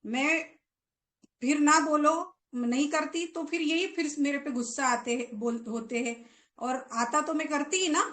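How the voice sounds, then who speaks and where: Brief: a grumbling teenage girl complaining in a high voice, as a woman reads her lines aloud, roomy echo. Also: unhurried, fairly bright tone. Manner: blurting, complaining. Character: teenage girl patient, sulky and irritable.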